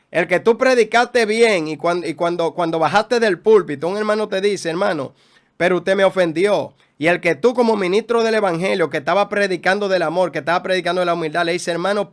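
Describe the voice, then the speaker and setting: A man, a guest pastor teaching in a preaching style, emphatic, with rhetorical questions and repeated phrases. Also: sits high.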